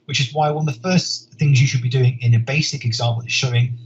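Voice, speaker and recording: A man, a software engineer, giving a conference talk in an earnest, explanatory way, often repeating words as he thinks. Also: mid-range voice, fairly even intonation, fast talker. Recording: dull lo-fi sound with faint noise.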